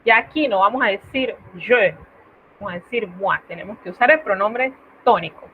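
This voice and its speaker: A woman's voice: medium pitch, normal speed. Teacher woman on a tinny call. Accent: Latin American Spanish. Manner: patient, explanatory, checks in with students. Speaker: French teacher. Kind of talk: online class explanation. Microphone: video call. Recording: tinny phone-like line, faint noise.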